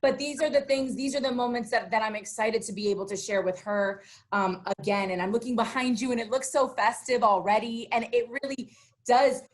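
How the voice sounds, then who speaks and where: A woman's voice: fairly high pitch, brisk. Chatty woman radio host. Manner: chatty, enthusiastic, many fillers. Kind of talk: casual interview chat.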